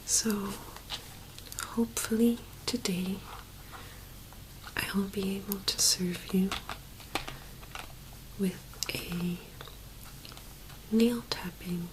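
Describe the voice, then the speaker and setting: A woman speaking in a soft, hushed whisper, gently presenting an ASMR tapping video. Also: mid-range voice, fairly even intonation, extremely slow, pauses often, background noise.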